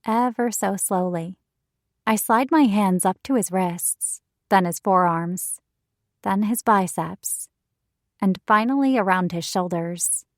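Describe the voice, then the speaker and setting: A woman reading a first-person romance audiobook in an expressive, wry storytelling manner, recorded close on a studio mic. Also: mid-range voice, slow, no echo. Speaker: audiobook narrator.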